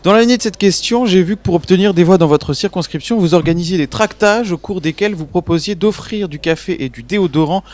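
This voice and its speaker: A male interviewer reading scripted questions in a measured way. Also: high-pitched, darkish tone.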